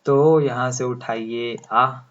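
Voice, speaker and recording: A male teacher explains English vowel sounds at an unhurried, deliberate pace. He stretches out each sound while he writes it out. His voice sits at an ordinary pitch, and the recording sounds dull and lo-fi. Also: steady tone, fairly bright tone. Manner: slow, deliberate, drawing out sounds as he writes symbols. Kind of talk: explaining lesson, speaking Hindi.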